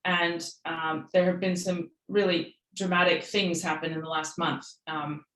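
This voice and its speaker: Low-voiced woman giving a measured online talk. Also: flat delivery, roomy sound, rough recording. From Peru. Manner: measured and thoughtful, with soft filler pauses. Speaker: guest speaker.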